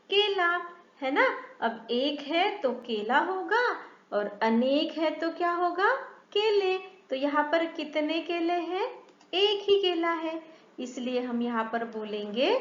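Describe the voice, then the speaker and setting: A woman teaching a children's grammar lesson, asking questions and answering them in a slow, sing-song teacherly way. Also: very high-pitched. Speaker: primary school Hindi teacher. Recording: echoey, slightly dull room sound.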